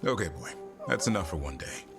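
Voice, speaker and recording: An actor playing a stern warrior who keeps a griffin, speaking bluntly with dry humor in a video game. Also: male voice, low-pitched, sing-song, brisk, gravelly, heavily acted. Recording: game audio over loud music.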